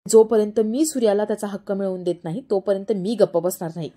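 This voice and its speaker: A woman's voice: medium pitch, fast, mellow, close to an everyday voice. A woman voicing a determined young wife who keeps pressing with questions, read aloud as a serial recap. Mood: earnest.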